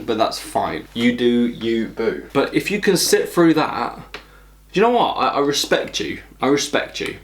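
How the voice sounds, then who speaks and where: A man hosts a casual beer review video from his table. He talks bluntly and swears a lot, sounding exasperated at times. A soft background hiss is heard under his voice. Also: medium pitch. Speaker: beer reviewer, channel host. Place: at home, at a table.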